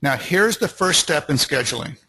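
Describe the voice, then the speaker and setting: A man's voice: on the high side, lively intonation, moderate pace, gravelly, sharp tone, breathy edge, poor audio. A man giving an enthusiastic, repetitive sales training talk as a network marketing trainer.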